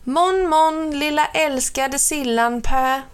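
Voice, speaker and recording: A woman's voice: high voice, voice pushed up, natural voice. Woman doing a tender young nanny. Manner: soft, affectionate. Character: kind young woman nanny, gentle and caring.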